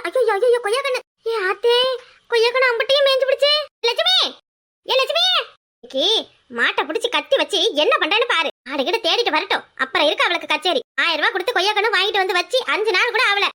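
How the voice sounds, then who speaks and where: A woman's voice: bright, forceful tone, full character voice. A woman voicing several quarrelling village women in a cartoon comedy, scolding and complaining in a southern Tamil village dialect. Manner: shrill, scolding, bickering. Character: loud squabbling village women, fussy and complaining.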